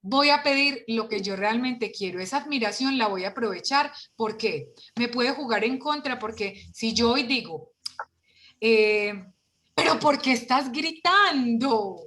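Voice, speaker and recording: A woman leading an online workshop for parents, lively and full of rhetorical questions, heard over a video call. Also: on the high side, normal speed, few pauses.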